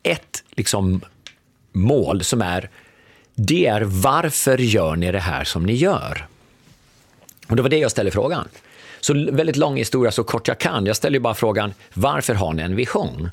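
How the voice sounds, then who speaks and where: A middle-aged man telling a long anecdote in a relaxed chat, acting out the lines of the people in it. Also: medium pitch, creaky, breathy edge, no echo. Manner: animated anecdote teller acting out dialogue. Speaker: podcast guest. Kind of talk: storytelling in casual conversation.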